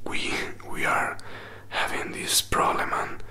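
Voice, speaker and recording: A man in his twenties in a whispered role-play, playing a hurt, jealous boyfriend who pleads haltingly in breathy, non-native English, close to the microphone. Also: close to an everyday voice. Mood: pleading, frustrated. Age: 20s. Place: small indoor room. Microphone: close desk microphone with furry windscreen.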